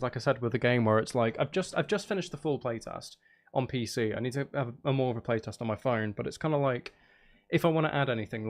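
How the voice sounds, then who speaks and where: Making music on a livestream, a man with a creaky, mid-range voice talks in a relaxed way, wandering through his thoughts aloud.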